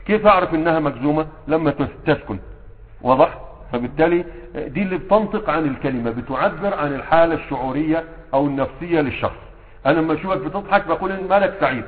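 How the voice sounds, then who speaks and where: Fast-talking Egyptian teacher in an echoing hall. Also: male voice, a little high. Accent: Egyptian Arabic. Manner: quizzes students with constant rhetorical questions. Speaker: teacher of Arabic grammar. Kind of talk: classroom lesson. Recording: tinny phone-like sound with long hall reverb.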